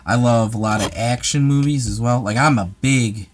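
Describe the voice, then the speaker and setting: An American man runs his own ASMR channel and chats casually with viewers during a livestream, answering their comments. His voice is medium-pitched and moderately paced, and his rambling, hesitant talk is full of fillers and restarts. A slight hiss or hum sits in the background.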